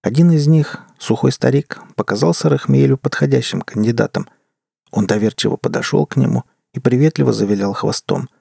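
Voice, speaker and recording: A man reading a story aloud as an audiobook narrator, measured and even. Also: mid-range voice, gravelly, breathy edge, no room sound, clean studio sound. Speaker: audiobook reader. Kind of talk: scripted narration.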